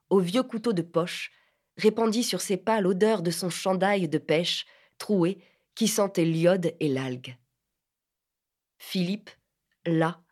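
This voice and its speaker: A woman reads a literary novel aloud as an audiobook narrator. Her delivery is measured and expressive, at a middle pitch.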